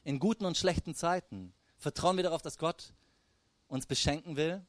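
A man preaching a sermon in a lively, direct way, often turning to the congregation with questions and calls. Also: fairly high pitch, moderate pace, no echo. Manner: lively, addresses the audience directly with "hey" and "wisst ihr".

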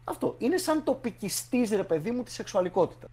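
A man chatting casually as a podcast co-host, animated and argumentative, dropping English slang into his talk. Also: sits high. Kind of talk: casual chat.

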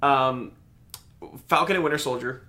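A man co-hosting a podcast, giving his views in relaxed casual chat. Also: mid-range voice, moderate pace. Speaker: podcast co-host.

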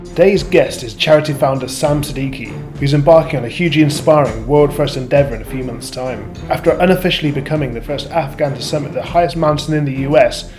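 A man's voice: fairly high pitch, fast, music in the background. A man hosting an interview podcast, eager and enthusiastic, often repeating words and using fillers. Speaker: podcast host.

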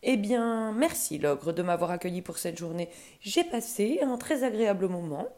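A woman reading a storybook and voicing a cheerful, cheeky male elf who speaks in a bright, polite, breezy way. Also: medium pitch, lively intonation, normal speed, natural voice.

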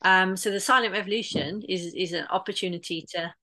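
A woman's voice: on the low side, fairly quick, sharp tone. A woman in casual conversation, talking in an earnest, reflective way with many restarts. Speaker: podcast guest.

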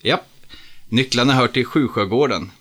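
A male reader voicing Erik, a wide-awake, bossy young man who talks briskly and insistently. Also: mid-range voice, a bit bright, voice pushed up, natural voice.

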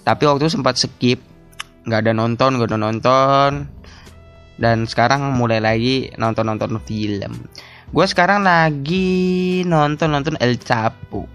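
A young man hosts his own podcast alone, rambling through thoughts in a mid-pitched voice. He cuts himself off mid-word and laughs often, and faint music sits quietly under his talk. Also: measured pace. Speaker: podcast host. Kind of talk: casual solo podcast chat.

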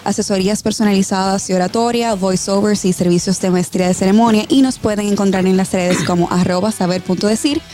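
A woman's voice: mid-range voice, fast talker, hardly any pauses, warm tone, faint music behind. Articulate woman guest on a radio show. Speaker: guest, communication coach. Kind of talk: radio interview.

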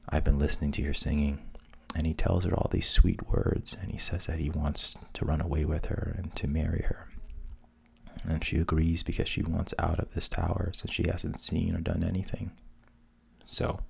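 A man retelling fairy tales in a hushed, half-whispered narration, with wry deadpan asides. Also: extremely low pitch, moderate pace, gravelly, slightly rough. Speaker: storyteller.

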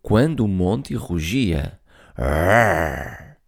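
A man reading a children's story aloud, lively and talking to young listeners. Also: lowish voice, unhurried.

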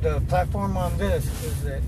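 A man's voice: sits high, normal speed. A man who drives for a rideshare service, chatting emphatically from the driver's seat and often repeating himself. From California. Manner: emphatic, repeats words, says "you know". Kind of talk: casual chat in a moving car. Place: inside a car on the road. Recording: loud road noise in car.

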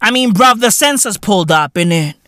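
Man, podcast host, rambling profane rant, animated pitch, dry room. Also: brisk, no room sound. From South Africa. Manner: loud, rambling, laughing, heavy slang. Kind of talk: profane comedic monologue.

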